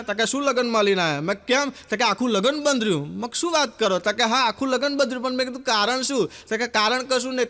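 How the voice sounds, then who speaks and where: A man doing stand-up, telling comic stories and acting out the dialogue of the people in them. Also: very high voice. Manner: animated joke-telling with quoted dialogue. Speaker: stand-up comedian. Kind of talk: Gujarati comic storytelling.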